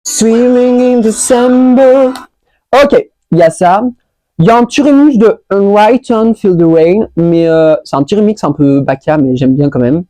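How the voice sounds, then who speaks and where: Woman vlogger, casual monthly roundup, warm tone, chatty and filler-heavy, faint music behind. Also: on the low side, lively intonation, normal speed, no room sound. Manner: chatty and scattered, many fillers, drops English words. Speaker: lifestyle vlogger. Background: faint music playing.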